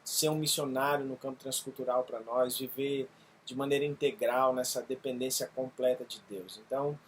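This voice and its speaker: A man's voice: mid-range voice, fairly even intonation, a little hiss or hum. Earnest pastor in his thirties. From Brazil. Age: 30s. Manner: earnest, halting with frequent fillers. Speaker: missionary pastor. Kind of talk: testimony video.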